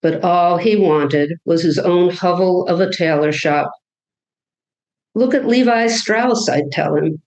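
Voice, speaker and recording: Casting: a reader playing a blunt old great-grandmother with a German accent, slow and wry, roomy live sound. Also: medium pitch, a little mellow. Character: stern immigrant great-grandmother, woman, old.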